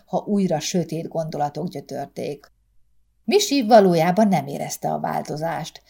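Woman reading a short story aloud, low-ish voice, calm and measured. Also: creaky. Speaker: audiobook narrator. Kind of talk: scripted narration.

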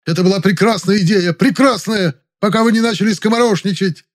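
A man's voice: high voice, brisk, voice pushed up, lightly acted. A man reading aloud, voicing an indignant, pompous theatre director who raises his voice in outrage. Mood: furious. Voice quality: loud, huffy. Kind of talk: audiobook character voice.

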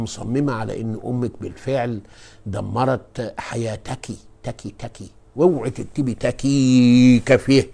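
Man, Egyptian Arabic accent, preacher, live-streamed lecture, emphatic, soft-to-loud swings, mid pitch. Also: creaky. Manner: animated and emphatic, swinging from soft asides to loud stressed words; exclaims and addresses listeners directly. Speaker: Islamic preacher and scholar.

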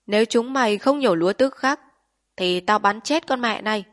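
A woman's voice: medium pitch, moderate pace, natural voice. A woman voicing a cold, ruthless male officer issuing a threat. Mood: menacing.

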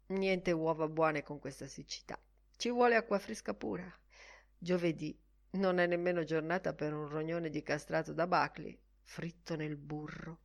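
A mild middle-aged man talking half to himself, musing and lightly teasing, as a woman narrator reads him. His voice sits low and relaxed in a storybook reading, and he lets his thoughts wander aloud. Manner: musing, mildly teasing, conversational.

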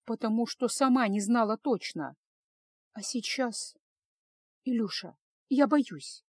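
A woman's voice: high voice, animated, a little slow, darkish tone, dry recording, voice pushed up. A woman voicing an anxious, tearful wife in her late thirties, pleading and tense in an audiobook. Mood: fearful. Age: 30s. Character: anxious woman near forty, tearful and fearful. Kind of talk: audiobook character voice.

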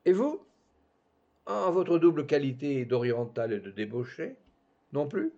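A man voicing a sharp-tongued, arch society countess who gossips in a teasing, mocking way. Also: medium pitch, sing-song, unhurried. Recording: dull lo-fi recording.

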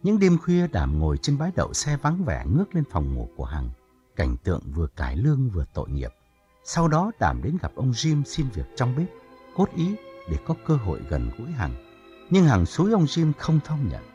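A man narrating an audiobook story in a calm storytelling manner. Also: medium pitch, normal speed, lo-fi sound, soft background music.

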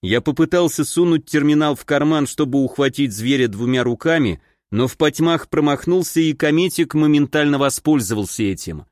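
A man reading a first-person audiobook in a steady, expressive storytelling manner. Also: on the high side, normal speed, few pauses, dry recording, studio quality. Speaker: audiobook narrator.

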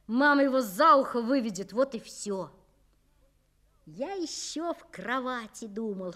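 A woman narrating a story aloud, acting out the characters' lines and shouts. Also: sits high. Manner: acts out shouted quotes, voices the characters. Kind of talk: expressive audiobook reading.

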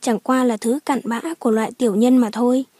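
A woman's voice: fairly high pitch, steady tone, fairly quick, mellow, dry recording, natural voice. A woman voicing a cold, vengeful young woman who sneers and screams back in an audiobook drama. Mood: sneering. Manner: sneering, shrieking.

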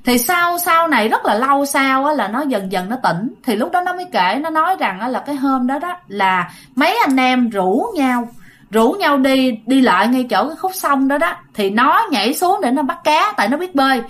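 A woman's voice: sits high, lively intonation, normal speed, a bit bright. A woman with a Southern Vietnamese accent casually narrating a ghost story, chatting directly to her listeners.

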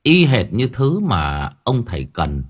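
Husky, expressive male storyteller. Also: mid-range voice, takes it slowly. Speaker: audiobook narrator. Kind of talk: scripted narration of a serialized novel.

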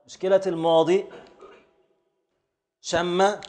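Sheikh teaching grammar, higher voice. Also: male voice, little pitch movement, a little mellow. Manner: explains slowly, repeats word forms, answers students' questions. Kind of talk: classroom lecture.

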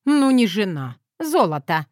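A woman voicing a bossy, sharp-tongued older mother who barks orders and scolds in a brusque, commanding way. It is read as part of an audiobook. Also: mid-range voice, sing-song, measured pace, no room sound, clean studio sound, voice pushed up.

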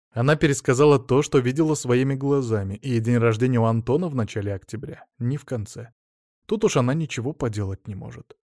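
A man narrating an audiobook in an even, measured reading style. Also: mid-range voice, dry recording, studio quality. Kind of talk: scripted narration.

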